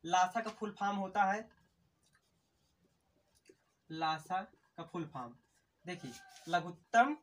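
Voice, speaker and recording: A man's voice: sits high, takes it slowly, long pauses, fairly bright tone, distant mic. Male math teacher, patient self-quizzing delivery, talks to the class as friends, mic set back from him. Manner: asks questions and answers them himself, repeats key terms; addresses viewers as friends again and again. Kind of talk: classroom-style lesson at a board.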